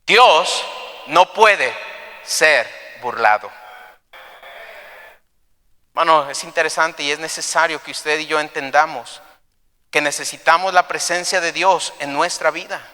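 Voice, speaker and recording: A pastor preaching an impassioned sermon, retelling a story with dramatic flair. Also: male voice, fairly high pitch, steady tone, normal speed, pushed and bright, clean tone, big-room sound. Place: church.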